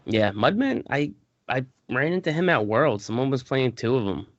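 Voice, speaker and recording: A man co-hosts a casual podcast about a tabletop game. He rambles, often restarting his sentences, and jumps into animated bursts. His voice sounds dry, close and slightly dull, like lo-fi podcast audio. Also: medium pitch, normal speed, no room sound. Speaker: podcast co-host.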